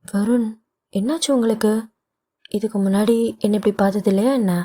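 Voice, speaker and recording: A woman's voice: mid-range voice, normal speed, warm tone, lightly acted. A woman voicing a young pregnant wife who is playful, coaxing and caring, in a read audio novel. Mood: teasing.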